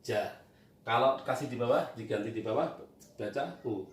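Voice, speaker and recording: A man's voice: medium pitch, moderate pace. A man teaching Quran reading at a board, patiently asking questions and answering them himself. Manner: patient, repetitive, asks and answers his own questions. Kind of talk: whiteboard reading lesson. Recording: echoey room, distant mic, faint noise.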